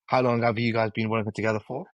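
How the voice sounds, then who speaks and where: A man in his thirties from Iraq, a guest chatting in a friendly, relaxed way from home over a video call. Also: lowish voice, moderate pace, no room sound, highs cut off. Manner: relaxed, friendly, laughs easily. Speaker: guest, dental implant company representative. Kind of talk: casual interview chat.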